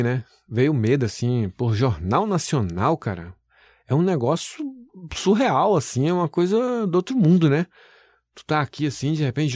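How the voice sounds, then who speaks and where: A man's voice: medium pitch, darkish tone, no room sound. A man, working as a TV news presenter, telling his story animatedly with folksy exclamations in an interview.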